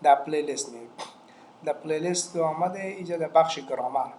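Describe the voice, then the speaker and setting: A man's voice: on the high side, a little mellow. Dari-accented man teaching with an echo. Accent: Afghan Dari. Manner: patient, repeats each word slowly with many hesitations. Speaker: English teacher. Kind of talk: online language lesson. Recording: echoey room with faint noise.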